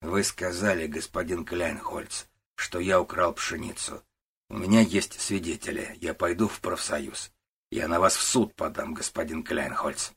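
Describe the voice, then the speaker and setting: A man doing a slow, gruff old worker. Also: low-pitched, exaggerated voice. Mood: defiant. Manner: slow, quiet and defiant. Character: stubborn old male warehouse worker, about sixty.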